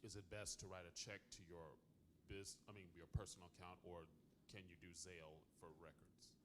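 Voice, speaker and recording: A very deep-voiced man asks a question from the audience. He speaks haltingly and corrects himself mid-sentence. Clear background noise fills the room, along with general ambience. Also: flat delivery. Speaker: audience member asking a question. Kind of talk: question from the floor.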